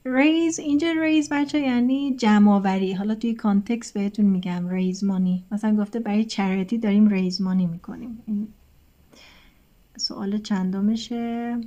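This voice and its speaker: Mellow Persian-accented woman teaching vocabulary. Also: mid-range voice. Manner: slow and careful, reads English examples word by word. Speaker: English teacher. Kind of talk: casual lesson talk, translating words one by one.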